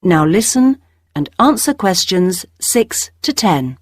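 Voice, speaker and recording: A female narrator reading formal listening test instructions in a clear, measured way. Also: on the low side, sing-song, no room sound, studio quality.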